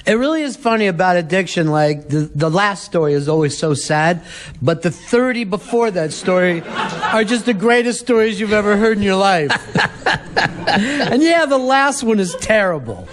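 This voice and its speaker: A man's voice: high-pitched, lively intonation, moderate pace. A man hosting an interview, chatting in an easygoing way and swearing casually. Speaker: host.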